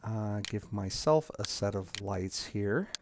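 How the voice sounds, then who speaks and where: A man with a fairly low voice talks through a software demo, halting and restarting often as he clicks along. His delivery is loose and unscripted, full of ums. A faint hiss sits under the voice. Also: lively intonation. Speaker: software developer demonstrating his tool. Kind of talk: casual software demo walkthrough.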